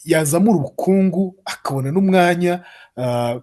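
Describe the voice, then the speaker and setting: A man's voice: high-pitched, fairly quick, mellow. A man asking the guest a long question, drawing out his words with fillers.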